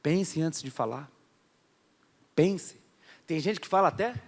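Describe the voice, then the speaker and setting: A high-pitched male pastor preaches to his congregation. He drives his points with sudden loud bursts, then drops into quiet, confiding asides. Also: animated, slow pace. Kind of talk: sermon. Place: church hall before a congregation.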